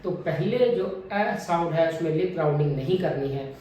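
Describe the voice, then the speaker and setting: A man teaching a phonetics lesson, deliberately modelling each vowel sound over and over. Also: fairly high pitch, warm tone. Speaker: English pronunciation teacher. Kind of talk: phonetics lesson with drilled repetitions. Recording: very echoey room, mic at a distance.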